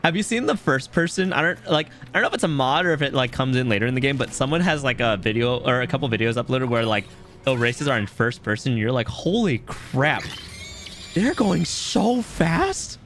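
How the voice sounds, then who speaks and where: A man's voice: mid-range voice, fast, a bit bright, slight background noise. A young man streaming a game, chatting casually and rambling as he searches for words. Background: faint game music.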